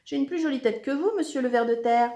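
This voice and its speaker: A woman's voice: sits high, steady tone, normal speed, a bit bright, echoey room, voice pushed up. A woman voicing a cheeky, clever young boy who teases and mocks. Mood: mocking. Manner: mocking, teasing.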